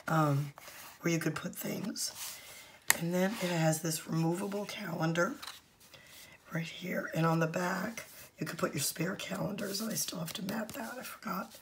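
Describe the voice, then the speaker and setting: A woman with a hoarse, nearly lost voice that often breaks into a whisper, casually walking viewers through a craft project. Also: lowish voice, noisy background. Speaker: craft channel host.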